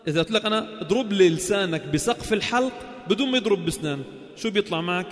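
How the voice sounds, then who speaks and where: A man with a Levantine Arabic accent teaching Quran recitation, asking questions and chanting sounds slowly to show them. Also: high-pitched, in a large hall. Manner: slow, drawn-out chanted demonstrations of sounds and words; asks the class questions and answers them himself. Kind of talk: spoken lesson on tajweed.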